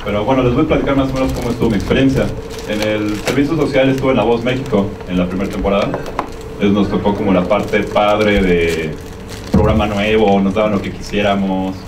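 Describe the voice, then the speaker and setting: A young Mexican man gives an informal talk in a low voice, hesitant and colloquial as he meanders along. The sound is echoey and a little distant. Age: young adult. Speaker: guest speaker, media production worker. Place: university lecture room. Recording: echoey room, distant sound, background noise.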